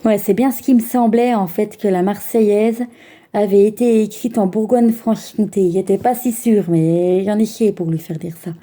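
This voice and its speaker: A woman's voice: mid-range voice, normal speed, dark tone. A woman vlogger in casual chat, giving spoken commands and chatty asides, with some stumbles. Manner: chatty, stumbling, talking to a device.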